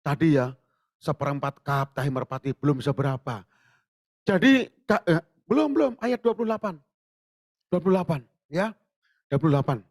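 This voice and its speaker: A male pastor delivers a sermon with animated storytelling. He acts out conversations and jokes with the congregation. His voice sits a little high and sounds close and dry, with little room around it. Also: normal speed, long pauses, no echo. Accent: Indonesian. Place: church sanctuary.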